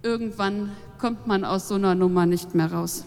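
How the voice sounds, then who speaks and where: A woman's voice: medium pitch, moderate pace, darkish tone, faint music behind, natural voice. A woman voicing an easygoing, grumbling, beer-drinking God in offhand colloquial speech, in a long hall reverb.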